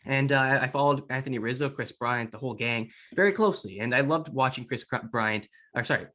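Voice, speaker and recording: A young man talks quickly in a casual sports-podcast style. He is chatty and rambling, telling things as they come, in a mid-pitched voice. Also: fairly bright tone.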